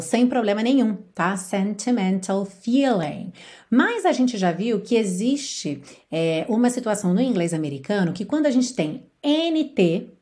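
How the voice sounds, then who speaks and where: Brazilian woman, English teacher, a bit high-pitched, patient and clear, drills pronunciation. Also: a little mellow. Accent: Brazilian Portuguese. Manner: patient, explains pronunciation by repeating words slowly. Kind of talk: music-based English lesson.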